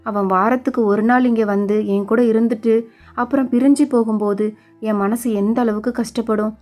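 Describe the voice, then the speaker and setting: A woman voicing a gentle, affectionate young wife in a storybook reading, speaking softly and pleadingly. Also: on the high side, steady tone, normal speed, soft background music, natural voice.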